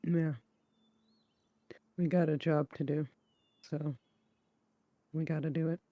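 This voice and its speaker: A man's voice: a little high, little pitch movement, takes it slowly, dry recording, phone-quality sound. A man playing a tabletop role-playing game, chatting casually as a player.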